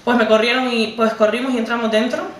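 A woman's voice: on the high side, little pitch movement, fast, recorded from a distance. A young woman with a Canarian Spanish accent retelling a personal story to camera in an emotional, repetitive, conversational way. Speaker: vlogger. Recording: roomy, set back from the mic.

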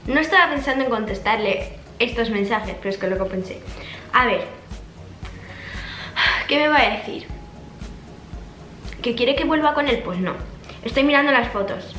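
High-voiced young woman vlogging. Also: lively intonation, normal speed, long pauses, a bit bright. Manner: chatty, dramatic, reads messages aloud with punctuation. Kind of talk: casual storytelling, reading text messages aloud. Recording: echoey room with faint background music.

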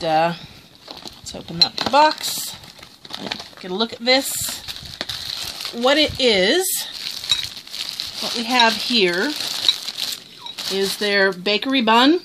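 A woman's voice: on the high side, background noise. A woman chatting casually through a food review, exclaiming as she tastes.

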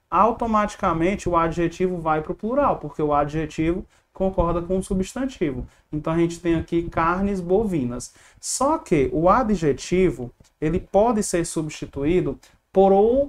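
Teacher walking through exam answers. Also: medium pitch. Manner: explains step by step, asks and answers own questions. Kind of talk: online lesson solving exam questions.

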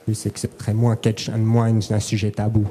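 Flat, low-voiced man asking hesitantly, noisy room. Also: brisk. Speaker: audience member asking a question. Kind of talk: spontaneous question at a conference.

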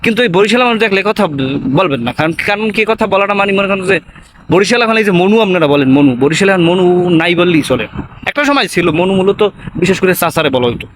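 A man's voice: sits high, quick pace, background noise. A young man from Barishal with a Barishal Bengali accent, chatting casually to camera in a rambling way, tacking on tag questions. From Patuakhali, Barishal, Bangladesh. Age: young adult. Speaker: vlogger.

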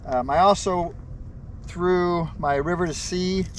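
A middle-aged man on a bass boat, chatting to his viewers as he casts and reels in fish. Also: steady tone, slow, a little hiss or hum. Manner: talks to viewers while casting, upbeat and chatty. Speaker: fishing vlogger. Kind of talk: casual fishing vlog commentary. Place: open bass boat on a lake, outdoors.

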